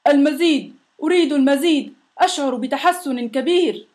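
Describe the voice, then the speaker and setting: A woman's voice: a little high, a little fast, close to an everyday voice. A woman doing a grumpy big storybook monster. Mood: demanding loudly. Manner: whiny and complaining, loud when shouting demands. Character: big grumpy sick male monster, demanding and sulky. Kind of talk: storybook reading.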